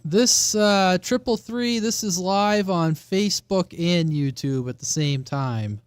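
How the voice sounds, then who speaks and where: A man with a notably high-pitched voice hosts an informal radio channel. His tone is clean and resonant, and his way of talking is blunt and conversational. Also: slow pace, smooth. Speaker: CB radio operator hosting a live-streamed channel. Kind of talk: casual radio chat.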